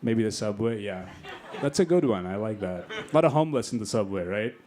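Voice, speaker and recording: A young stand-up from Bangladesh works the club crowd with crass, brash teasing, his fairly low voice expressive and fairly quick. The audience's loud laughter roars behind him.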